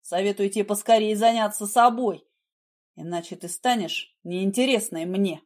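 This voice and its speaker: A woman's voice: medium pitch, moderate pace, a little mellow, lightly acted. A woman voicing a menacing, mocking husband in an audiobook, with a smug, taunting manner. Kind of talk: audiobook character voice.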